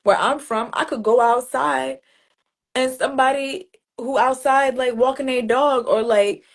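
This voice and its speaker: A woman talks freely in a casual interview, her voice sitting a bit high. She tells lively stories and slips into other people's voices to act out street greetings. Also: measured pace. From New Jersey, USA. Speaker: interview guest, poet.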